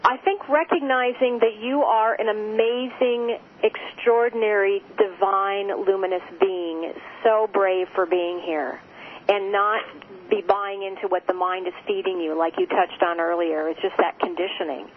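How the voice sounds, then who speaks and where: A woman heard over the phone as an interview guest, speaking gently and repeating phrases for emphasis. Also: mid-range voice, fairly even intonation, a little slow. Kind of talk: spiritual interview talk. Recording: tinny phone line with faint noise.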